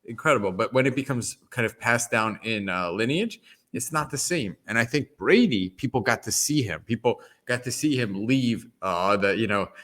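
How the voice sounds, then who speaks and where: A man co-hosting a casual podcast, full of teasing, excitable banter. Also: medium pitch, normal speed. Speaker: podcast co-host. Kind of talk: casual chat.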